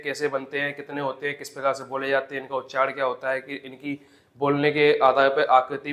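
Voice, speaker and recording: A man's voice: medium pitch, a bit bright. A young man teaching an exam-prep grammar lesson, repeating key points and asking and answering his own questions.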